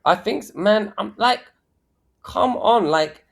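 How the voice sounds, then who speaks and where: A man talks on a podcast in an excitable, unfiltered way, swearing and tumbling over his own words. His pitch leaps up and down with lively swings. He sounds like he is on a remote call. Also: slow, creaky. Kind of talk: casual chat.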